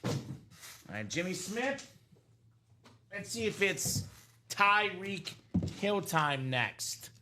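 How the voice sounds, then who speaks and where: A man in his thirties hosting a live card break, chatty and energetic, calling out names and teams. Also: high-pitched, very slow, pauses often, background noise. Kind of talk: live stream commentary.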